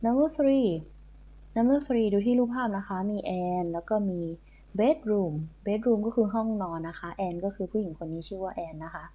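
Patient teacher on tinny audio. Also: female voice, medium pitch, moderate pace. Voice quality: patient, repetitive, spells words letter by letter. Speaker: primary school English teacher. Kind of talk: recorded online lesson.

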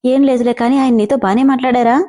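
A woman's voice: fairly high pitch, steady tone, fast talker, warm tone, close to an everyday voice. A woman voicing a sulky young woman who grumbles to herself.

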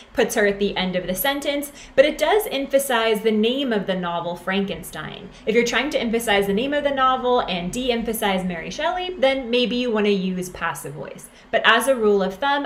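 A woman explaining writing grammar as an instructor, in a clear teaching manner and often asking "right?". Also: mid-range voice, slight background noise. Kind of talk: lecture over slides. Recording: roomy echo, faint background ambience.

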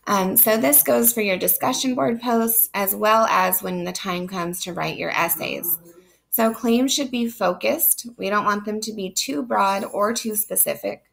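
In a recorded online lecture, a female literature instructor talks in a mid-range, fairly bright voice made gravelly and strained by illness as she loses it. Her explanation stays steady, peppered with frequent ums.

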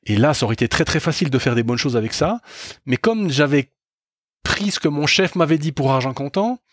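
A man's voice: on the high side, lively intonation, a little fast, no echo, studio quality. A middle-aged man hosting a podcast, telling a candid, self-critical story about his own mistakes, often hesitating and restarting as he goes. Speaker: podcast host. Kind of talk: reflective storytelling monologue.

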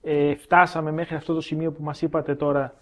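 Male host, kinda high voice, polite and formal, nudging the guests along. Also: little pitch movement. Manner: polite, formal forms of address. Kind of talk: gentle interview prompting.

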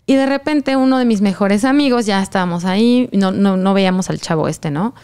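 A young woman with a Mexican Spanish accent telling a personal story in casual chat, animated and slangy, acting out what people said. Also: medium pitch, a little fast, clear, resonant tone. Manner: animated, slangy, acts out quoted lines.

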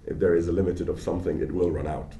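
A man giving a public lecture in an animated, conversational way, often restarting his sentences, in a large lecture hall. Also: deep voice, fast. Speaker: guest lecturer.

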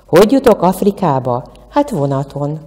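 A woman's voice: deep voice, sing-song, big-room sound. A woman voicing a round, chubby creature on a diet who sighs and then perks up eagerly. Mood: eager musing. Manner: sighing, then brightening eagerly. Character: round, chubby dieting creature, cheerful but sighing.

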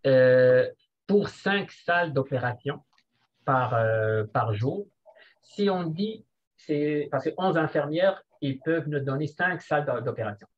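Man working slowly through figures on a muffled line. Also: medium pitch. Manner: slow and deliberate, working through figures with hesitations. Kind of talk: seminar presentation.

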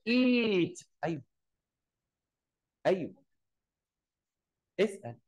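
A man with an Egyptian accent teaching an English lesson to a class. He drills short phrases slowly, repeats them and quizzes his pupils. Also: high-pitched, very animated, poor audio. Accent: Egyptian Arabic.

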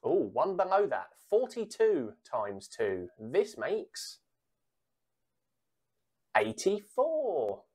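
Female bingo caller for a kids' numbers game: very slow, measured delivery with lively swings in pitch. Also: husky. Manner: measured calling with pauses before each answer and repeated digits. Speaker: bingo caller for a children's times tables game. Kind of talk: bingo caller reading out sums and answers.

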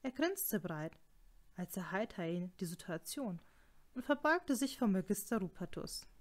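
A woman with a mid-range voice reads an audiobook script, telling the story in an even, measured way.

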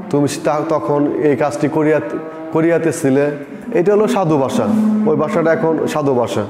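A man's voice: medium pitch, mellow. A male teacher, giving an explanatory classroom lecture. He repeats his points and asks the class rhetorical questions. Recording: echoey room with long reverb.

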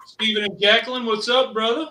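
High, bright-voiced man from Ohio. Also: fairly even intonation, a little fast, slight background noise. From Ohio, USA. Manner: chatty, hesitant, many fillers. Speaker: co-host reading viewer chat. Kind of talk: casual livestream chat. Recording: roomy, mic at a distance.

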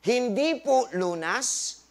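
A man's voice: very high voice, animated, slow pace, gravelly. A man hosting a health forum as a doctor, lecturing a live audience with rhetorical questions, scripture quotes and jokey asides, mixing English into Tagalog.

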